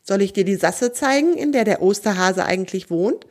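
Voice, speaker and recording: A woman's voice: mid-range voice, expressive, normal speed, darkish tone, natural voice. A woman voicing a small, cheeky female field mouse with a playful, teasing way of talking. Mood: explaining.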